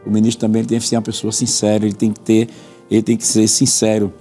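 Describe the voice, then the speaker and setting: A man's voice: fairly low pitch, completely flat delivery, fast, dark tone, breathy edge, soft background music. A Brazilian man, a pastor, teaching on a religious TV panel in an earnest, expository way, quoting scripture and repeating points for emphasis. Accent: Brazilian Portuguese.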